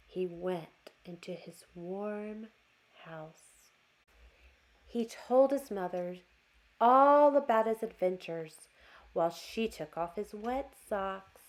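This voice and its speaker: A storytime host with a mid-range voice reads aloud to young children, expressively stretching out key words and asking her listeners questions. The recording is low quality.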